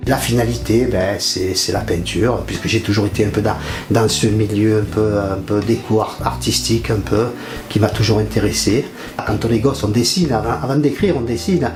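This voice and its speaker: An older French painter talks casually in his studio with a fairly low voice at a moderate pace, sounding hesitant and often repeating himself. The studio sounds roomy, with guitar music playing over the recording.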